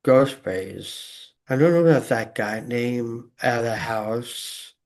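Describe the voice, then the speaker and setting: A man chatting casually about a movie, speaking in halting, broken phrases with many fillers. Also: medium pitch, a little mellow. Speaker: co-host. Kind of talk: casual movie review chat.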